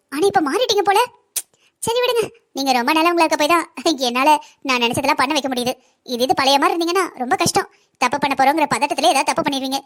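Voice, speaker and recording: A woman's voice: sits high, a bit bright. A woman voicing a scheming young cartoon villainess who swapped a baby, sly and mocking. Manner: sly, taunting, mocking politeness. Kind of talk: cartoon voice acting.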